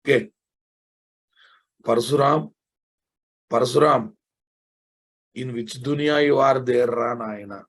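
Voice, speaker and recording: Husky Telugu-accented Indian man teaching, slow pace. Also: medium pitch, steady tone. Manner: blunt, scolding, repeats phrases emphatically. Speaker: software programming teacher. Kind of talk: informal live online lecture.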